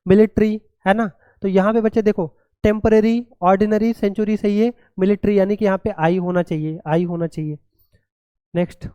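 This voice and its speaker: Smooth-voiced male tutor spelling words out. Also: high voice, mellow, no room sound. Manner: addresses students as बच्चे, spells words letter by letter. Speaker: teacher. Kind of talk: online exam-prep grammar lesson.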